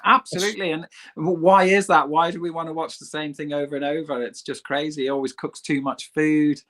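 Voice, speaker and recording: A man's voice: on the high side, little pitch movement, brisk, a bit bright. A man as a guest on a casual podcast interview, easygoing and self-deprecating, laughing often. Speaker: guest, van camping vlogger.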